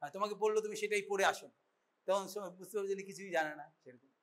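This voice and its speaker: A man's voice: sits high, racing, fairly bright tone. A man giving a medical college lecture, instructive and often checking that students understand. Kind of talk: classroom lecture, demonstrating an exam.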